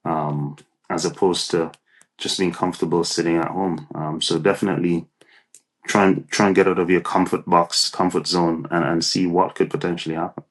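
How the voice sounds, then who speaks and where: A Nevisian entrepreneur, from Saint Kitts and Nevis, speaks as an interview guest in a low, level voice at normal speed. His answers are chatty and encouraging, and he tends to repeat words as he thinks out loud.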